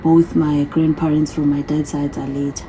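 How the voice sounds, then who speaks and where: Warm and low-pitched, with little pitch movement and a normal speed, a woman in her thirties from a different continent chats through her Q&A vlog. She reads the questions aloud and repeats her answers, and the phone recording carries a little hiss or hum.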